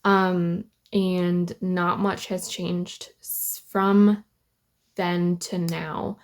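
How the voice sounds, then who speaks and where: Slow-talking, slightly nasal woman vlogger. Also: fairly low pitch, level tone. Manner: hesitant, many ums and likes. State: slightly nasal from a head cold. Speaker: planner vlogger. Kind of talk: casual vlog talk.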